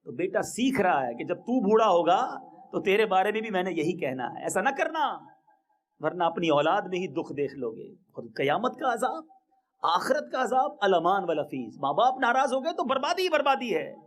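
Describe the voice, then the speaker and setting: A man preaching a sermon in an emphatic, exhorting way, his pitch swinging up and down. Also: big pitch swings.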